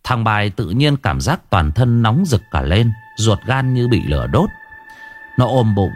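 A man narrating a first-person ghost story in an expressive storytelling manner. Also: fairly low pitch, moderate pace, faint music behind.

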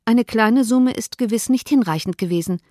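A woman reading the lines of an earnest, quick-minded young woman in an audiobook, eager and pressing. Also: fairly high pitch, mellow, no room sound, studio quality, pitched above the performer's own voice, lightly acted. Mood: reflective.

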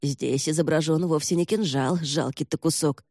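A fierce young warrior woman in a storybook, harsh and growling, as a woman reads her. The voice is low, dark and dry. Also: moderate pace, no room sound.

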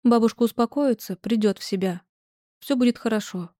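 Brief: woman voicing a soft, gentle young mother, mellow dark tone, dry sound. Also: a little high, brisk, no echo, close to an everyday voice.

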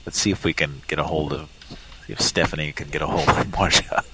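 A man's voice: a bass voice, steady tone, brisk, sharp tone, a little hiss or hum, rough recording. A man hosting a live call-in show, chatting casually with sarcastic, joking asides and rambling comments between calls. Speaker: host.

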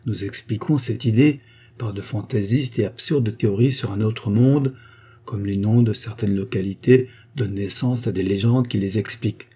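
A man's voice: lowish voice, normal speed, warm tone, slightly rough. A man voicing a condemned philosophical spy. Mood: grave. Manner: grave reasoning, then frantic pleading. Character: captured male spy, philosophical then desperate.

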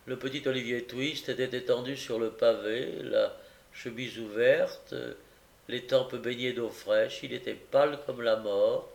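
A man reading a classic novel aloud as audiobook narration, in a measured, steady manner. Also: mid-range voice, gravelly, reverberant. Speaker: audiobook reader.

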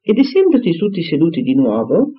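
A man narrating a classic novel as an audiobook in a measured, expressive reading. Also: fairly high pitch, slightly rough, phone-quality sound.

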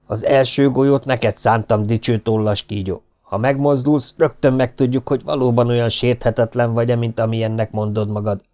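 A man voicing a young armed rescuer who mocks his enemies while calmly threatening them. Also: medium pitch, few pauses, close to an everyday voice. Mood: menacing. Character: cool armed young male rescuer, mocking. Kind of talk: audiobook character voice.

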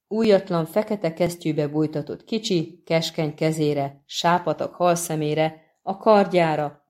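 Calm woman narrator for a fantasy audiobook; low, mellow, measured. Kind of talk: scripted narration.

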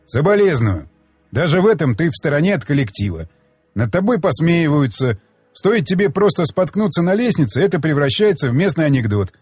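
A man's voice: fairly high pitch, sing-song, brisk, a little mellow, breathy edge, no room sound, faint music behind. A male audiobook reader voicing a blunt, mocking male companion who lectures like a patient mentor. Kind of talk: audiobook dialogue reading.

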